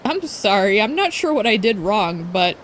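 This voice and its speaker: A humble young idol girl who answers gently and apologizes softly, as a woman reads her part aloud. Her voice stays close to an everyday tone, plain and polite, as in a video game scene. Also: medium pitch, very animated, normal speed, a little hiss or hum. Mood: meek. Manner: apologetic and meek.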